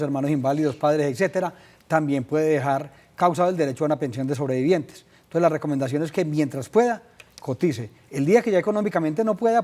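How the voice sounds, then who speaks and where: A man with a Colombian accent, a legal expert on a TV call-in show, explaining pension rules in a measured way with many fillers. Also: on the high side, dark tone. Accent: Colombian Spanish. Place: TV studio.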